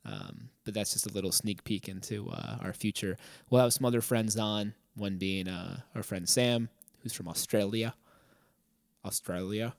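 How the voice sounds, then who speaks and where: A man's voice: lowish voice, lively intonation, moderate pace, gravelly, few pauses, no echo, studio quality. A man hosting a podcast in casual chat, talkative, laughing often and swearing casually. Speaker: podcast host.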